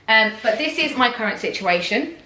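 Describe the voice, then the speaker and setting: A woman's voice: a little high, expressive, normal speed, bright, forceful tone, echoey room, a little hiss or hum, rough recording. Chatty woman vlogging at home. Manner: chatty and rambling, with frequent fillers and laughs. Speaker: pregnancy vlogger. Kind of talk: casual vlog chat to camera.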